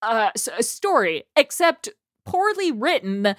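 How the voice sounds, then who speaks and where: A woman's voice: fairly high pitch, sing-song, a little slow, no echo, studio quality. A woman co-hosting a casual tech podcast, stammering and laughing as she reads out a chat transcript. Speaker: co-host.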